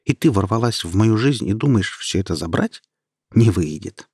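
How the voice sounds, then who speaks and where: A man reading an audiobook and voicing a defiant young wife who speaks quietly and firmly. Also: fairly low pitch, lively intonation, normal speed, slightly rough, dry recording, clean studio sound.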